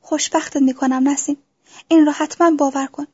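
A woman's voice: high voice, steady tone, warm tone, natural voice. A woman reading as a tender young male lover. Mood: playful. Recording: dull lo-fi recording.

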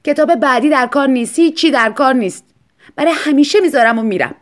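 A woman voicing a volatile, newly rich woman writer who talks loud and demanding in a storybook reading. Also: high voice, voice pushed up, lightly acted. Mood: bitter.

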